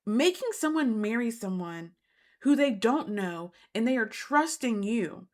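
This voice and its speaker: A woman's voice: fairly high pitch, lively intonation, unhurried. A woman hosting a reality TV recap, talking in an indignant, emphatic way and repeating points for emphasis. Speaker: host.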